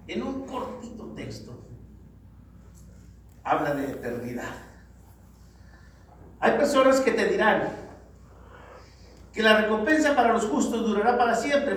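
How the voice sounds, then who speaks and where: High-voiced man preaching in an echoey hall. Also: animated, a little slow, pauses often. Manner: emphatic, swinging from loud exhortation to low grave tones; addresses the congregation as brothers. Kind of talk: sermon. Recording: very echoey hall, distant mic, faint noise.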